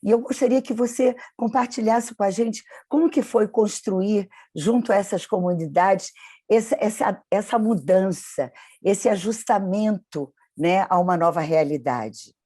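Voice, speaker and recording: Brazilian woman host, mellow and dry. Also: mid-range voice, measured pace, dry recording. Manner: repeats words while searching for phrasing. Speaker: interviewer, program host.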